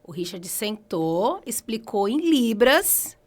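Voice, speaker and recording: Brazilian woman, podcast guest, lively storyteller, fairly high voice. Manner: lively storytelling, quick laughs. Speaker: hairdresser and guest. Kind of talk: casual podcast interview.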